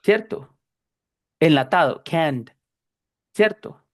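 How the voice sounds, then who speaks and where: Slow patient woman teaching. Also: sits low, animated, no echo, studio quality. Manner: patient, repeats points and checks understanding. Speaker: English teacher. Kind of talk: explaining pronunciation in a class.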